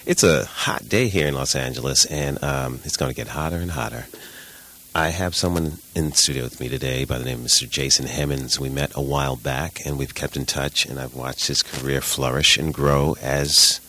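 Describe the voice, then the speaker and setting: A man's voice: very deep voice, normal speed, sharp tone. A man from New York hosting a radio show as DJ, chatty and upbeat, laughing often. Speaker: radio host and DJ. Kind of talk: casual radio interview.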